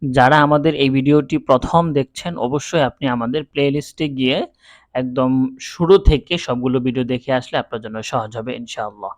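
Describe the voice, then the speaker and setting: A man's voice: medium pitch, brisk, dry recording. A man teaching Quran reading to beginners, explaining patiently and spelling out letters one by one in drills. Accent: Bangladeshi Bengali. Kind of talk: step-by-step lesson, spelling out letters.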